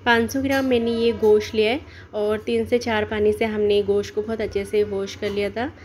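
Woman doing a cooking channel voice-over, calm step by step explaining, medium pitch, little bit of room noise. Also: brisk. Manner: steady instructional, explains each step and options.

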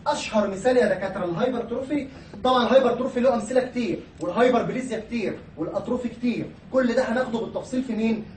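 A man's voice: extremely high pitch, racing, a little mellow, a little hiss or hum. A man with an Egyptian accent teaching pathology, mixing English medical terms into his explanation and asking the class questions that he answers himself. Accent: Egyptian Arabic. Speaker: pathology lecturer. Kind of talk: recorded university lecture. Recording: echoey room, voice from far off the mic.

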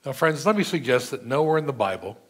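Older husky-voiced man preaching. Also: mid-range voice, very animated, fairly bright tone. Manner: measured preaching with scripture readings. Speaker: pastor. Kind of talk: sermon. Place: church sanctuary. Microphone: pulpit mic, seen from far camera.

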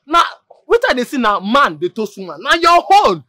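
An actor in a film drama playing a student who loudly taunts and scolds a classmate, in a Nigerian Pidgin accent. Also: male voice, very high-pitched, sing-song, a little fast, dry recording, studio quality, exaggerated voice.

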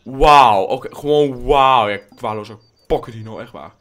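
A young man hosting a casual let's play, rambling and blunt, swearing freely, mixing in English phrases and breaking into sudden excited outbursts. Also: medium pitch, moderate pace. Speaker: gaming channel host.

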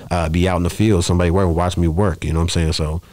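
This podcast guest, a rapper of about thirty, rattles off rambling stories in rapid-fire casual interview talk, often adding "you know what I'm saying." His voice is deep, level, and darkish with no echo, recorded in a small indoor studio on a close arm-mounted mic while he wears headphones.

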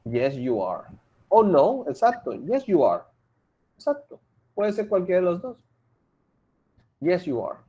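A woman's voice: on the low side, big pitch swings, takes it slowly, pauses often, mellow, husky, highs cut off. A woman teaching an English class online, explaining patiently step by step and mixing English example sentences into her talk.

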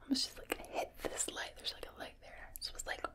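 A young woman hosting ASMR in a whisper, speaking intimately and affectionately to the listener, very close to the microphone. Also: fast. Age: young adult. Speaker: ASMR video host.

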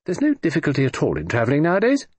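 A man reading an audiobook, voicing an imperious, deaf old aristocratic lady with crisp, commanding upper-class speech. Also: fairly high pitch, huge pitch swings, rapid-fire, a little mellow, no echo, voice pushed up, full character voice. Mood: tart.

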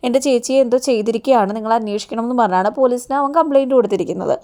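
A woman's voice: a little high, very fast, dark tone. A woman retelling a TV serial episode in a chatty storytelling way, often adding a friendly aside at the end of sentences. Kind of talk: rapid recap narration of a TV serial.

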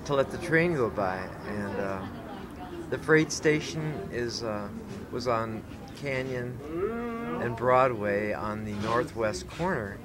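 A man in his fifties from Colorado, reminiscing slowly with many pauses and fillers in an interview on an outdoor café patio at night, speaking into a handheld mic. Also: medium pitch. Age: 50s. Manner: slow, halting, full of pauses and fillers. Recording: outdoor patio with crowd behind.

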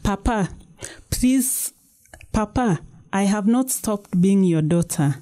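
A woman's voice: mid-range voice, animated, slow, mellow. A woman reading the part of an anxious young career woman pleading earnestly with her parents.

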